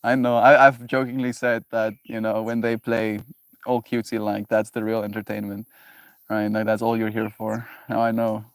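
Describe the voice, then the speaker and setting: A man talking casually to his livestream audience in an animated, joking way and laughing often. His voice sits in an ordinary middle range. The sound is close and dry, with no room echo. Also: on the low side, normal speed, vocal fry. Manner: animated, laughs often, talks back to chat. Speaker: livestream host reading chat.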